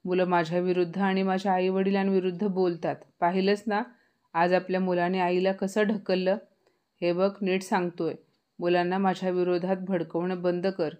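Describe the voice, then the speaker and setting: A woman's voice: on the low side, steady tone, moderate pace, a little mellow, close to an everyday voice. A woman voicing an angry husband who scolds and gives orders in a raised voice. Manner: harsh, scolding. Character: angry shouting husband, middle-aged man.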